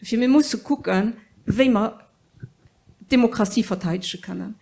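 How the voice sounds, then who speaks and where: A middle-aged woman politician in a panel debate, speaking earnestly and pausing often to search for words. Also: a little high, vocal fry, darkish tone. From Luxembourg.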